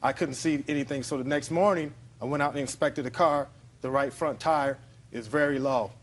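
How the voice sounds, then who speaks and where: A man's voice: medium pitch, normal speed. A man giving colloquial, matter-of-fact testimony as a plaintiff on a TV court show. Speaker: plaintiff in TV small-claims court.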